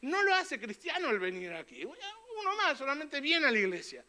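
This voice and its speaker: A man's voice: very high-pitched, wildly swooping pitch, normal speed, bright, forceful tone. A man preaching a fervent church sermon as pastor, often tossing in questioning tags to his listeners.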